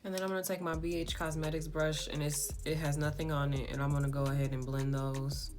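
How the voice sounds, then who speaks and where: Low-voiced woman chatting through makeup. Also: a little fast. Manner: rambling, filler-heavy, self-described monotone. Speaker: beauty vlogger. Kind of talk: casual makeup tutorial talk-through. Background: background music.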